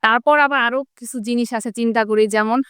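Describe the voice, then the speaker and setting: Brief: woman teacher, fairly high smooth voice, dry close sound, explanatory, rhetorical questions. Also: fairly even intonation, fast, fairly bright tone, dry recording. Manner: asks rhetorical questions, checks in with tag questions. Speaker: English teacher. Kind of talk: explanatory interview talk.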